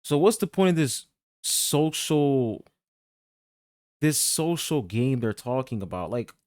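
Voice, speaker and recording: A man's voice: mid-range voice, big pitch swings, slow, darkish tone, no room sound, clean studio sound. A man reacting to a gaming video in casual commentary, exasperated, swearing and stumbling over his words as he talks to his viewers.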